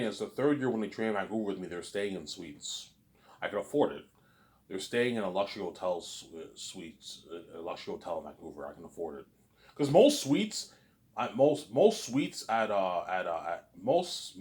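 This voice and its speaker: In a mild Canadian accent, a man from Canada rambles through a casual monologue, often repeating words and starting over. His voice sits low.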